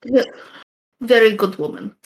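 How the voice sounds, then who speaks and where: A woman puts on a courteous male villager of the fox folk, speaking in a light put-on Russian accent. He talks slowly and hesitantly, filling pauses with ums. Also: fairly high pitch, lively intonation, a little mellow. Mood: polite. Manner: polite, hesitant, full of fillers.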